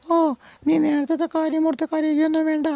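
A woman voicing a soothing, high-voiced mother. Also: level tone, moderate pace, warm tone, no echo, dull audio. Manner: tender and reassuring. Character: caring mother of a grown son, soothing. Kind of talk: amateur Malayalam dub of a game short film.

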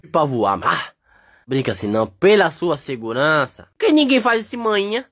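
A man's voice: fairly high pitch, very animated, fairly bright tone, heavily acted. A man voicing a cocky street dog. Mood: cocky teasing. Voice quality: rowdy, teasing, quick to laugh. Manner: swings between mock threats and joking. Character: brash street-smart male dog, teasing and cocky. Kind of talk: comic voice-over dubbing of animal videos.

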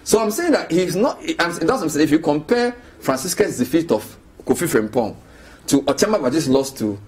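A man's voice: on the high side, expressive, a little mellow. A man with a Ghanaian English accent, a political analyst arguing his point on a live TV panel in a studio. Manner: argumentative, lists names quickly. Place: TV studio with city view.

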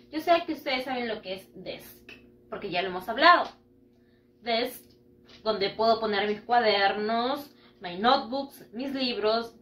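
A woman teaching English to schoolchildren, going slowly through repeat-after-me drills and mixing English and Spanish with frequent praise. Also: fairly high pitch, a bit bright. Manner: slow, drawn-out drilling with repeat-after-me prompts; switches between English and Spanish, praising often. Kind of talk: bilingual classroom teaching video. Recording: echoey room, mic at a distance.

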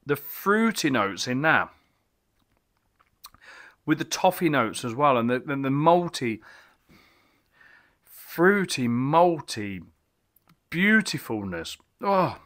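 Surrounded by bottle shelves in his small indoor home bar cabin, a middle-aged man rambles enthusiastically through a casual beer review, restarting often and exclaiming a lot. He speaks slowly with long pauses, in a sing-song, mid-range, somewhat bright voice.

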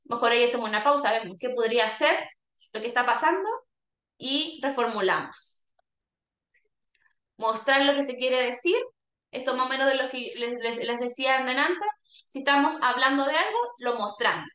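A woman's voice: high voice, moderate pace, bright, forceful tone. A woman, a speech therapist explaining to caregivers in a workshop and often checking in with a questioning "¿ya?". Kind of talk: workshop talk. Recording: echoey room.

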